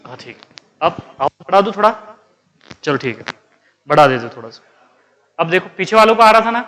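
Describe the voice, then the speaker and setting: A man's voice: high-pitched, sing-song, normal speed, a bit bright. A male chemistry teacher lecturing a class, quizzing students and answering his own questions, and calling out those who are not paying attention. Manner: scolds inattentive students.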